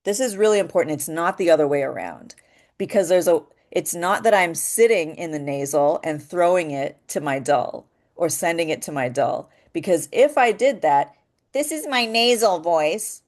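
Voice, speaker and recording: Thoughtful low-voiced woman teaching. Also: expressive, moderate pace, a little mellow. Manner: explanatory and thoughtful, with frequent "um" and "right?". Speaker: voice acting teacher. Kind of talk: casual spoken lesson.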